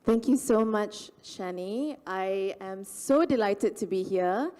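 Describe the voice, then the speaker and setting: A woman with a Malaysian accent opening a panel as its moderator, speaking with warm enthusiasm. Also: medium pitch, takes it slowly. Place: conference hall. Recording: reverberant hall sound.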